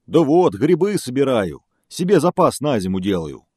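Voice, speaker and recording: A man doing a booming clumsy greedy bear. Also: very animated, normal speed, warm tone, slightly rough, dry recording, clean studio sound. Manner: bossy, blustering.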